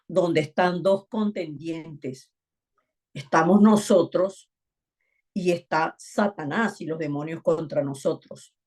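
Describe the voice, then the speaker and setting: A woman leading a church discipleship class, telling stories animatedly and acting out the voices she quotes. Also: lowish voice. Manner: animated storyteller who acts out quoted voices.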